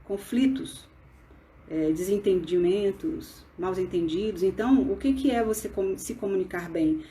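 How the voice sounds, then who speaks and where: A woman's voice: mid-range voice, a little slow, warm tone, a little hiss or hum. A woman with a Brazilian Portuguese accent giving a live online grammar lesson, explaining step by step and often checking in with "né?". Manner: explanatory, frequent "né?" tag questions and restarts.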